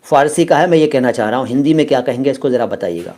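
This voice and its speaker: A man teaching pronunciation in a chatty way, stretching words out slowly and putting questions to his viewers. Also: medium pitch, expressive, a little mellow. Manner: chatty, quizzes viewers directly. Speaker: language teacher. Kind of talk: pronunciation lesson.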